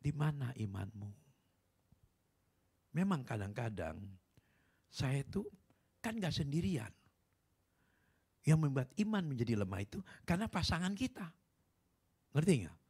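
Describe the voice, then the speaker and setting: A male pastor preaches with a husky voice that swings high and low as he gets animated. He keeps turning to the congregation, asking for agreement and claps. His voice sits somewhat higher than most men's. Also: measured pace, pauses often. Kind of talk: sermon.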